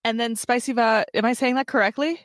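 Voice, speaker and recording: A woman's voice: on the high side, steady tone, brisk, dry recording. An American woman hosting a podcast in a casual, bubbly interview chat, laughing often and acting out the voices she quotes. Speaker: podcast host.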